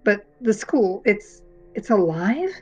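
A woman voicing a frightened schoolboy who shouts in alarm in a storybook reading. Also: medium pitch, sing-song, slow pace, faint music behind. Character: frightened schoolboy, panicky and breathless. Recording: dull, muffled reading recording.

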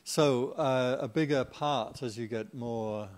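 Relaxed, joking man giving a Dharma talk. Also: medium pitch, slow pace. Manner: chatty and humorous, with playful asides to the audience. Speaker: Buddhist Dharma teacher.

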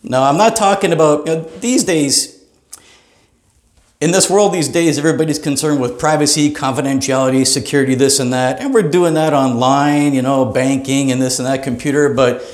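A man's voice: medium pitch, normal speed, roomy sound. A man hosting a comedy podcast, ranting in a profane, rambling way with laughing asides, recorded in a small private studio. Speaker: podcast host. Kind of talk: comedic rant.

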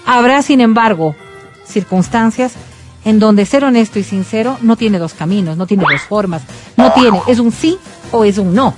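Middle-aged lady host talking calmly, a bit high voice, music going under her. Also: moderate pace. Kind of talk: casual chat. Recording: music playing behind.

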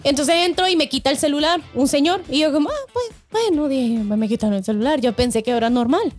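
A woman with a high, bright-sounding voice tells a story on a podcast. She talks casually and animatedly, laughing and acting out quotes. Soft music plays faintly behind her. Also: fast talker. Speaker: podcast co-host.

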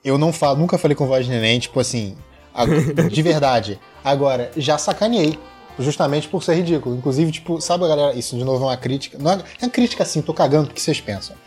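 A man's voice: fairly high pitch, fast, darkish tone, soft background music. A man with a Brazilian accent co-hosting a casual podcast chat, blunt and swearing. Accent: Brazilian Portuguese. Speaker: podcast co-host.

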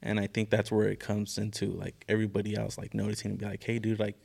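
A young man who works with mental health clients chats casually as a podcast guest, swearing freely and saying "dude" and "bro" constantly. His voice is lowish, monotone and fast, creaky and a little mellow with a breathy edge.

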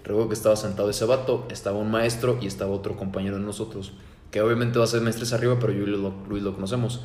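A man's voice: lowish voice, little pitch movement, quick pace, a little mellow. Slangy young Mexican guy telling stories. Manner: slangy storytelling, swears a lot. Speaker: podcast co-host. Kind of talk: casual podcast chat. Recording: echoey room, faint background noise.

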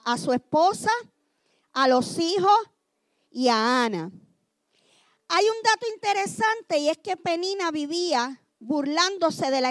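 A woman pastor preaching a sermon, building rhythmic repetitions up to forceful emphasis and dropping into soft, confiding asides. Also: high voice, no room sound.

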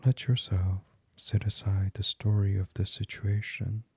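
Male meditation guide, very low, mellow and unhurried, close and dry. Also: flat delivery, breathy edge, no echo. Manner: slow, soft and soothing, drifting into whispers.

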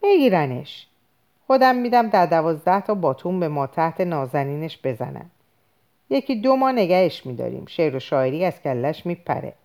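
Blunt middle-aged cop from a novel , read by a woman, low voice, lively swings, conspiratorial. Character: older male police officer, blunt friend.

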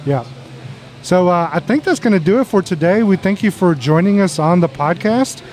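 A man's voice: high-pitched, lively intonation, moderate pace, a little mellow. A man hosting a podcast on location at a brewery, chatty and stumbling over repeated words. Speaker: podcast host. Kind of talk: casual podcast chat. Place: brewery taproom.

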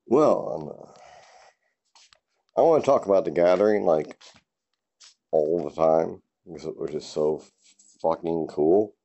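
Man in his garage, host of a casual solo podcast, low mellow voice, rambling and cussing, dull lo-fi sound. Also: measured pace, pauses often. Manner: rambling, laid-back, swears casually, many fillers. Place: home garage.

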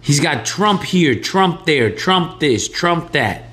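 A man's voice: on the high side, expressive, slow pace, a bit bright. A man co-hosting a casual podcast, bantering in a teasing, sarcastic way. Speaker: podcast co-host.

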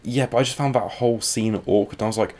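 A man's voice: fairly low pitch, steady tone, fast talker, darkish tone. A man co-hosting a comics podcast, talking casually and rambling, often trailing off mid-thought. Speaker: podcast co-host. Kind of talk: casual comic book discussion.

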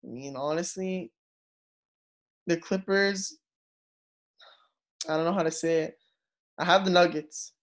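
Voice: mid-range voice, measured pace, pauses often. A co-host in a casual sports chat, earnest and opinionated, speaking plainly.

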